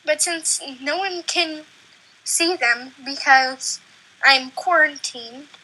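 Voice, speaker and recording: A woman's voice: high voice, takes it slowly, sharp tone, poor audio. A young girl chatting while gaming, her voice coming through a glitchy, stuttering call connection. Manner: chatty, giggly. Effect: glitchy, stuttering call audio. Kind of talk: casual chat while gaming.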